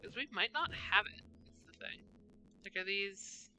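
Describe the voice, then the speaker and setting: A woman's voice: mid-range voice, lively intonation, measured pace, sharp tone, a little hiss or hum, rough recording. A woman streamer giving casual commentary while she plays a game, muttering to herself and breaking into exasperated cursing.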